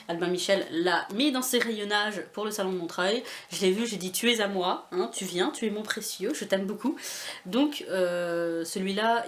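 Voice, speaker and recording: A woman's voice: medium pitch, a little hiss or hum. A woman from France chatting casually in a vlog about her book haul, with many fillers, restarts and self-mocking asides. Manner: self-mocking, laughs often. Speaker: booktuber showing a book haul.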